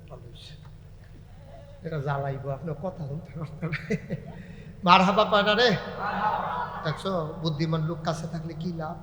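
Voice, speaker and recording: High-voiced preacher in an echoing hall. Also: male voice, a little hiss or hum. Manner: sing-song preaching, rising to loud calls and dropping to soft banter. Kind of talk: sermon. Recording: echoey hall with long reverb.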